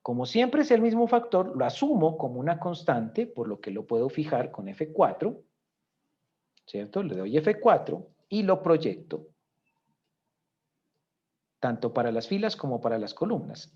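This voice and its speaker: Husky male teacher, lively explaining tone. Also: a little high, unhurried, dull audio. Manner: explanatory, often checks in with "¿cierto?". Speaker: economics teacher. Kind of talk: recorded lecture with spreadsheet walkthrough.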